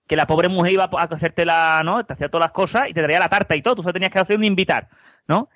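High-voiced Andalusian man telling rambling stories. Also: steady tone, rapid-fire, a bit bright, no room sound, studio quality. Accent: Andalusian Spanish. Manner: rambling anecdotes, constant tag questions. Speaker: podcast co-host. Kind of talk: casual chat, storytelling.

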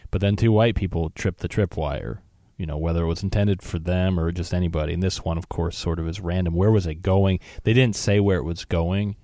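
A man's voice: sits low, steady tone, brisk, dark tone, no room sound, clean studio sound. A man co-hosting a talk show, discussing the news in a loose conversational way with many fillers and restarts. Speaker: co-host.

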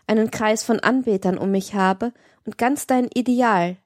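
A woman's voice: mid-range voice, measured pace, a little mellow, no room sound, close to an everyday voice. An imperious, cold mistress from an audiobook novel reading, voiced by a woman. She speaks in a stern, haughty way, with open contempt. The sound is dry and close. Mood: stern, commanding. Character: cold, imperious woman, commanding her lover.

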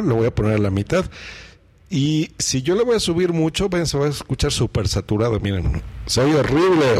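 A man's voice: fairly high pitch, darkish tone. A man and podcaster explaining audio gear step by step in a casual tutorial, speaking to viewers from his home mixing desk. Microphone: studio microphone through a mixing desk.

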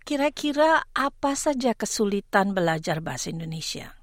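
A woman hosting a radio interview conversationally, putting her questions in an unhurried way and often rephrasing them. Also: mid-range voice, very animated, no echo, studio quality.

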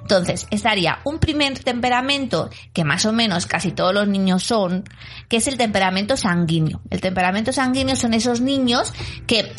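A woman's voice: mid-range voice, moderate pace. A woman in her thirties with a Spanish accent from Spain, co-hosting a casual podcast chat and acting out children's whines and noises as she explains. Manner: animated, acts out children's whines and sound effects. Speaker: podcast co-host and teacher.

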